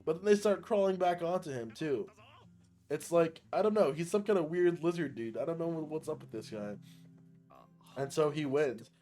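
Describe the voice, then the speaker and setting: Excitable young man recapping anime. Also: on the high side, moderate pace, soft background music. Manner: excitable, slangy, laughs often. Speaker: anime reviewer. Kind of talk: casual recap commentary.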